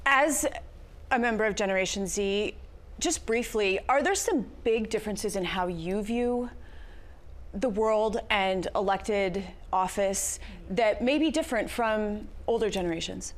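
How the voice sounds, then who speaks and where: A woman interviewer asking prepared questions in a measured, formal broadcast manner. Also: mid-range voice.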